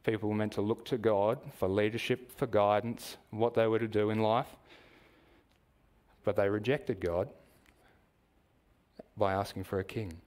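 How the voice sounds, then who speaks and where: Aussie guy giving a sermon at church, slow and explaining, asks the room questions, lowish voice. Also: fairly even intonation, darkish tone. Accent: Australian. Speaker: preacher.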